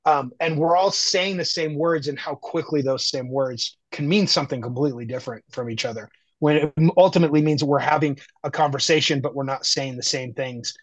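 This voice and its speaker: A man's voice: a little high, a little fast, dry recording, rough recording. A man speaking earnestly and reflectively as a guest in a conversational podcast interview, from the United States. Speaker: guest artist.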